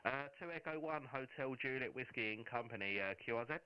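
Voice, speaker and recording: A man's voice: medium pitch, brisk, lo-fi sound, a little hiss or hum. A man chatting casually and hesitantly as he hosts ham radio contacts in an easygoing, matey way. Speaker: amateur radio operator hosting a live stream.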